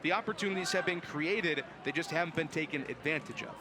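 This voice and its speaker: Talking fast in a voice on the high side, this early-twenties man delivers live sports play-by-play and show openings against a noisy background. As announcer and host, his delivery is polished and emphatic.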